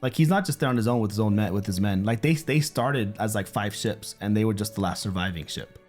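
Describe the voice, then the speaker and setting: A man co-hosting a couple's reaction video, chatting casually and thinking out loud with many restarts. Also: fairly low pitch, brisk, faint music behind. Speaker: co-host of a couple reaction channel. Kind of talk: casual chat.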